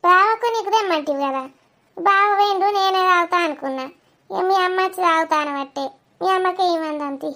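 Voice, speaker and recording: Very high-voiced Telangana woman. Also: fairly quick, pushed and bright. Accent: Telangana Telugu. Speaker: comedy sketch performer. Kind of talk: village family comedy skit.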